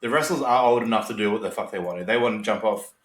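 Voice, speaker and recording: A man's voice: fairly low pitch, very fast, a bit bright. A man chatting casually as a podcast co-host, giving his opinions in a reflective, slightly hesitant way. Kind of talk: casual chat. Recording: roomy, echoey sound.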